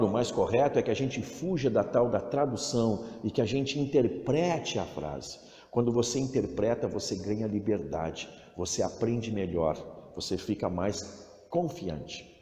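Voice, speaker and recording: A middle-aged man with a Brazilian Portuguese accent teaching a recorded English lesson to children, patient and encouraging. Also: lowish voice. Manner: patient, encouraging, reads English sentences slowly and loudly. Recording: roomy echo, long reverb.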